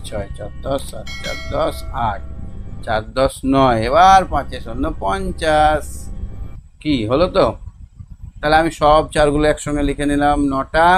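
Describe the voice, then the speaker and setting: A man, tutoring young children through homework, counting slowly and drilling words one by one. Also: medium pitch. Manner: slow, patient counting and word-by-word pronunciation drills. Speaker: teacher.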